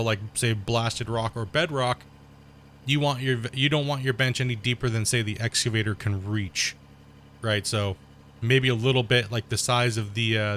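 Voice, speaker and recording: A gaming channel host, sick and losing his voice, rambles casually over his own gameplay, explaining terms as he goes and bursting out excitedly at mishaps. His voice is medium-pitched, with slight background noise in the recording.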